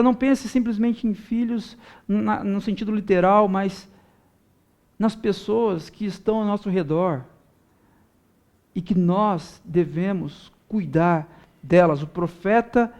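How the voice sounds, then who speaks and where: A young male pastor with a notably high voice delivers an earnest sermon for viewers at home. He builds from steady teaching into loud, impassioned pleas. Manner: earnest preaching, swelling loud in prayer-like pleas.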